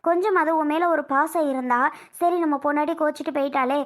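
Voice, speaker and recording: A woman's voice: sits high, fairly even intonation, fast, close to an everyday voice. A woman playing a caring elder sister. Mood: coaxing. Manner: coaxing, reassuring, gently scolding. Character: caring elder sister calming her younger sister. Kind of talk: amateur family drama skit.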